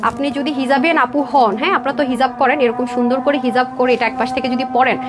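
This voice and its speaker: Rapid-fire woman selling dresses live. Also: sits high, fairly even intonation. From Bangladesh. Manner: rapid persuasive patter, addresses viewers as sister, mixes English words. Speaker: online clothing seller on a live stream. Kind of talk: live sales pitch. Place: indoor room with a door, modeling a dress.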